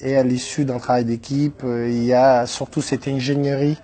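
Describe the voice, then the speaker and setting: With little pitch movement and a mellow, medium voice at normal speed, a 30-something Brazilian businessman tells his life story in French during a radio interview. Portuguese is his first language, and he hesitates with lots of fillers and restarts; a little hiss or hum sits under the audio.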